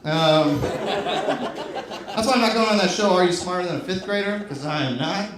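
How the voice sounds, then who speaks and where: A man in his twenties performing a stand-up set in a comedy club, with a deadpan, self-mocking delivery that breaks into shouted bursts. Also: sits high, normal speed. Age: 20s. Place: comedy club with a laughing audience. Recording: echoey club with crowd laughter.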